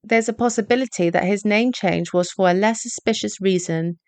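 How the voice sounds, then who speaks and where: A woman narrates a scripted video essay in a measured, explanatory manner. Her pitch sits in the middle. The recording is close and dry, with no room sound. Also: dry recording.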